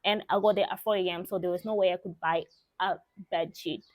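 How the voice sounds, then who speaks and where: A young adult vlogger from Mozambique, a native Portuguese speaker with a Mozambican accent, tells viewers personal stories in a candid, casual, emphatic way. Her voice is on the low side and steady, a little fast, with no room sound.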